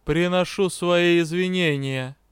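A man's voice: on the high side, lively intonation, normal speed, dry recording, clean studio sound, lightly acted. A man voicing the spirit of a dead male mage who speaks gloomily and with stiff, haughty politeness. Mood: formal. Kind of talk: audiobook reading.

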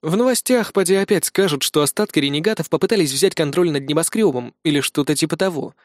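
A male narrator telling a first-person action story with brisk, wry delivery. His voice sits a bit higher than usual for a man, and the studio sound is dry and close with no room at all. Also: dry recording. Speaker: audiobook narrator.

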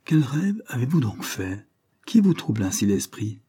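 Male reader doing a grave dignified husband, gentle, husky, warm. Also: medium pitch, very animated, normal speed. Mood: earnest.

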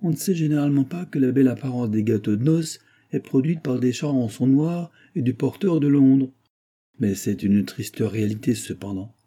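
A man's voice: medium pitch, moderate pace, mellow, slightly rough, voice pushed up, lightly acted. Man putting on a pompous bossy brewer's clerk. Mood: emphatic. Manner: lecturing, self-important, emphatic.

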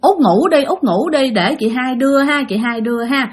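A woman voicing a young older sister who speaks up high and pleads, protecting her little sibling. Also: lively intonation, normal speed. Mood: soothing.

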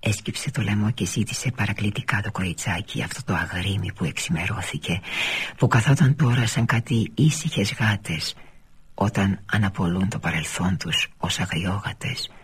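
Brief: low, very husky man reading a novel for radio, measured, drifting to a near-whisper. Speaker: reader. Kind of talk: literary novel read aloud on radio.

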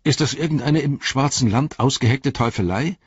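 A man's voice: mid-range voice, moderate pace, breathy edge, no room sound, lo-fi sound, pitched above the performer's own voice. A man voicing a frightened but loyal hobbit servant in an audiobook, talking urgently and raising his voice. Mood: uneasy. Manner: urgent, exclaiming. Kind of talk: audiobook character voice.

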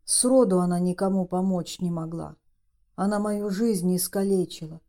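Озлобленный раненый мужчина, горько и с издёвкой, в исполнении женщины. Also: female voice, fairly low pitch, moderate pace, mellow, natural voice. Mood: bitter. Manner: bitter, mocking. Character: bitter injured man, groaning and spiteful.

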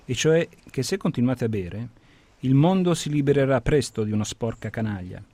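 A man reading a calm, stern old-fashioned doctor. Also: medium pitch, moderate pace, no echo. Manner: calm, firm, even-toned.

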